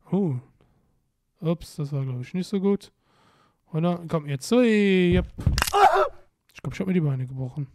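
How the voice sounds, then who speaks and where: Playful young man commenting a game, slow. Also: fairly high pitch, warm tone, dry recording. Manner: playful, exclaims often, mutters to himself. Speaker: let's play commentator. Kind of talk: casual gameplay commentary.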